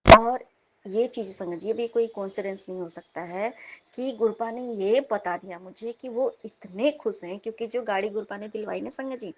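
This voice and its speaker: A young woman, telling of a dream as devotional testimony in a lively storytelling manner, often turning to her listeners. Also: mid-range voice, normal speed. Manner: animated storytelling, repeatedly addressing listeners. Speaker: devotee sharing a dream at satsang.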